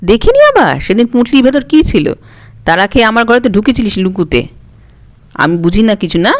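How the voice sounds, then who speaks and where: A woman reading a Bengali story, voicing a proud, sharp-tongued young woman in a raised voice. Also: a little high, big pitch swings, moderate pace. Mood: scolding.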